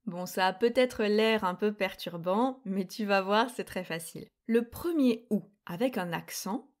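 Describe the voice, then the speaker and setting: A young woman presenting a scripted grammar quiz lesson, explaining slowly, clearly and deliberately. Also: mid-range voice. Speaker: French grammar teacher.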